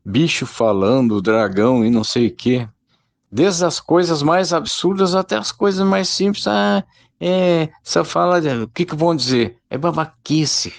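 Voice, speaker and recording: A man's voice: on the high side, unhurried, vocal fry, no room sound. A man giving a rambling, informal spoken sermon and calling his listeners brothers. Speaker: lay preacher.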